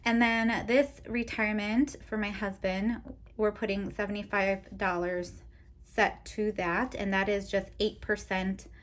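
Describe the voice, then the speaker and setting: Chatty woman budgeting vlogger. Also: medium pitch. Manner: chatty, talks straight to viewers with frequent ums. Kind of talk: casual direct-to-camera vlog.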